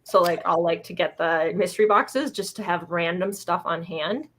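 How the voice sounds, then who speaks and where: A woman's voice: lowish voice, moderate pace, a bit bright. A woman co-hosting a craft livestream, talking in an informal, agreeable, chatty way. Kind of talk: casual live chat.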